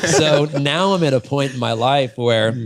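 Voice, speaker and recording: A man in his forties, a retired freestyle motocross rider and business owner, talks unhurriedly in a mid-range voice as a podcast guest. It's casual long-form interview storytelling, and he's candid, digressive and swears freely.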